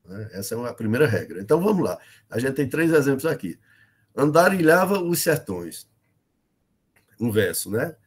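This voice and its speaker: A man's voice: mid-range voice, sing-song, quick pace, darkish tone, breathy edge. A middle-aged man with a Brazilian Northeastern accent, teaching an online lesson on poetic meter and checking in with his students often. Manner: explanatory, many fillers and checks like "né?" and "beleza?".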